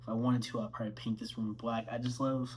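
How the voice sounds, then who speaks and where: A man's voice: medium pitch, flat delivery, fast, darkish tone, slight background noise, rough recording. A twenty-two-year-old man, a film student, talking casually from his bedroom, rambling with fillers and self-corrections. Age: 20s.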